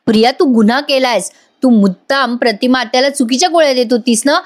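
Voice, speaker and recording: A furious young woman lays into her rival in a stern, scolding tone, read out by a woman. The voice sits fairly high and stays plain and close. It sounds like a soap scene retold rather than fully acted. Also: quick pace, natural voice.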